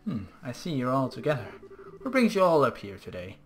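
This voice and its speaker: A man voicing a polite, gentle old village elder from a video game. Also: medium pitch, sing-song, fairly quick, close to an everyday voice. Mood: kindly.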